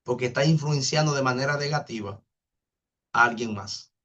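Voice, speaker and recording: A man's voice: mid-range voice, normal speed, fairly bright tone, lo-fi sound. A man, teaching an online spiritual class in a casual way, answering viewers' comments earnestly and repeating words while he thinks.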